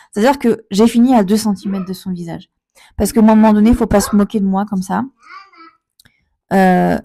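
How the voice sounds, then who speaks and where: A woman's voice: mid-range voice, creaky, warm tone. A woman in a casual storytime vlog, retelling a confrontation as an indignant, emphatic mother who repeats her points.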